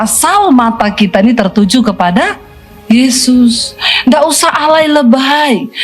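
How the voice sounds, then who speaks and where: A middle-aged woman pastor preaching in a lively storytelling way, acting out quoted voices and dropping in English phrases. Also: high voice. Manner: colloquial, mixes in English phrases. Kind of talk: sermon.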